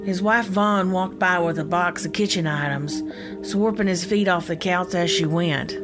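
A woman's voice: fairly low pitch, normal speed, loud music behind the voice. A middle-aged woman, telling a scripted personal story in a folksy, descriptive way as a podcast host. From United States (Indiana, Kentucky). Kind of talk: scripted personal narration, ghost story memoir.

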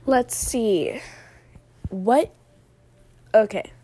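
Slow-talking giggly woman interviewer. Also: a little high, lively intonation, dark tone, husky. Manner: giggly, laughs often between questions. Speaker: interviewer asking questions. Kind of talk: casual home interview.

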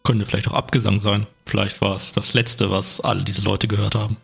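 A man's voice: on the low side, level tone, brisk, vocal fry, fairly bright tone, slightly rough, soft background music. A man co-hosting a casual podcast chat, dropping dry, offbeat remarks. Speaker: podcast co-host.

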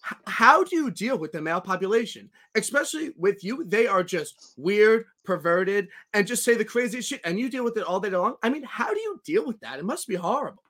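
A man's voice: high voice, sing-song, a little fast, fairly bright tone. A man hosting a podcast, chatting casually and teasing his guest with jokes and stammered restarts. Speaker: podcast host.

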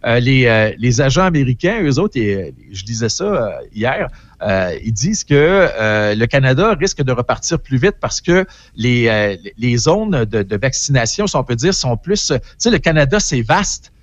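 A man with a Québécois French accent talks through his entertainment column in a loose, chatty way, full of opinions and side remarks. His voice is recorded dry and a little dull, like lo-fi broadcast audio, with a mid-range pitch. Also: very animated, moderate pace, no echo. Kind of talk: casual radio chat.

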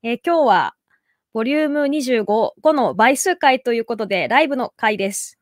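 A woman's voice: fairly high pitch, animated, normal speed, dry recording, clean studio sound. A woman hosting her own radio show, chatting politely and casually with a guest during a live recording.

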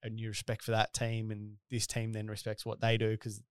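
A man's voice: fairly low pitch, monotone, fairly quick, clear, resonant tone, no echo, clean studio sound. A man in his thirties with a broad Australian accent, hosting a casual interview in a rambling, colloquial, blokey way. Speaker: podcast host and business owner.

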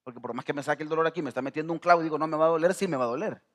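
A middle-aged man from El Salvador with a Salvadoran accent, preaching a sermon as pastor, rising to near-shouting and calling out to the congregation. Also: on the high side, rapid-fire. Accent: Salvadoran Spanish.

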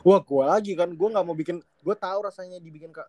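A young man, telling an animated, slangy story on a podcast and acting out the dialogue. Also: high voice, quick pace, dry recording. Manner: animated, slangy, swears casually, acts out dialogue.

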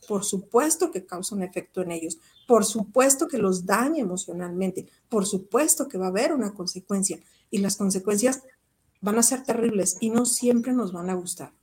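A woman's voice: medium pitch, a little mellow. A woman, a psychologist and author, giving an earnest, emphatic explanation as a radio guest. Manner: earnest, emphatic, measured lecturing.

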